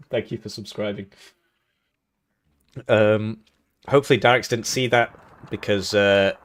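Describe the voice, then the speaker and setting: This tournament host and caster is a young man whose voice sits on the low side, steady and slow. Calling the match on a live stream, he chats casually, rambling with jokes and chuckling between comments.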